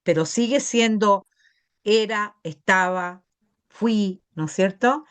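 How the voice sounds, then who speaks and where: Slow and clear, this middle-aged woman's medium-pitched voice has a resonant tone, captured in a dry recording. She teaches English with a Chilean Spanish accent, patiently walking a class through grammar and checking their understanding with tag questions.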